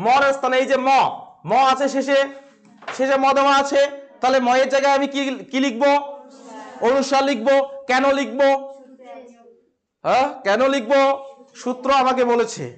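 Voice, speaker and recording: Male teacher, West Bengal accent, very high voice, classroom lesson, asks and answers his own questions. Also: level tone, a bit bright. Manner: drawn-out, repeated stress on key words.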